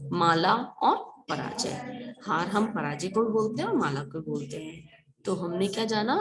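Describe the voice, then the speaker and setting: A woman teaching an online school class, asking questions and then answering them herself as she goes through word lists. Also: medium pitch. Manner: asks and answers her own questions while drilling words.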